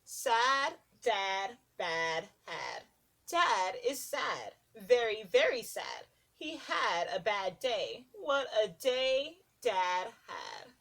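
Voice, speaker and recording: This is a woman who teaches preschool, voicing a rhyming picture book for small children. The reading is sing-song, expressive, and deliberate, and her pitch is a little high.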